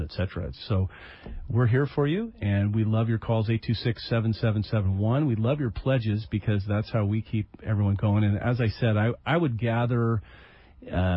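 A male community radio host who talks in an easygoing, meandering way, full of fillers and restarts, with a fairly low voice. He comes through with an AM radio broadcast sound, muffled and lo-fi like an old on-air recording. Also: dry recording. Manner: casual and rambling, with frequent fillers and restarts. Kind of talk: live radio talk show hosting. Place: radio studio.

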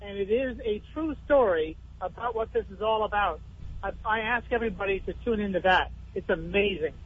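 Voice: medium pitch, a little fast, slightly rough. A radio call-in caller with the phone held away from the mouth, sounding faint and hard to make out, pressing the point insistently. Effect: phone held away from the mouth, faint and hard to hear. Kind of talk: call-in on a talk radio show. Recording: thin, tinny phone line.

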